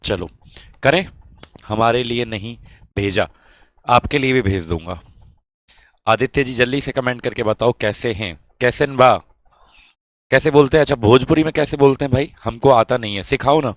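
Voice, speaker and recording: A man's voice: medium pitch, moderate pace, dry recording. A male science teacher running a live online class, chatting with students and reading their comments aloud.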